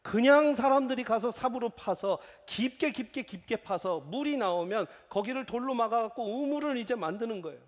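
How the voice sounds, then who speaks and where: A male pastor giving a sermon in a lively, jokey preaching manner. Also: very high voice, fairly quick, hardly any pauses. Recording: echoey church hall.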